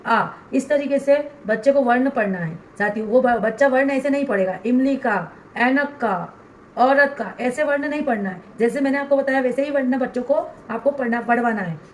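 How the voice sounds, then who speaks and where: A woman's voice: sits high, a little fast, hardly any pauses, roomy sound, a little hiss or hum. A woman primary school teacher explaining step by step how to fill in a student assessment workbook for fellow teachers. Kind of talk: instructional walkthrough for teachers.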